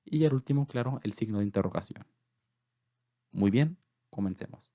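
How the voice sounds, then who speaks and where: Low-voiced man teaching German slowly. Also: expressive, mellow, muffled recording. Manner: slow, careful repetition of example phrases; filler "pues" between phrases. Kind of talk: voice-over language lesson.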